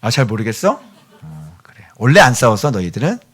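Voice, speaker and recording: A man's voice: mid-range voice, sing-song, fairly quick, fairly bright tone, slightly rough. A male pastor preaching a sermon in a church, chatting with the children by name and sometimes dropping to a near-whisper. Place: church sanctuary.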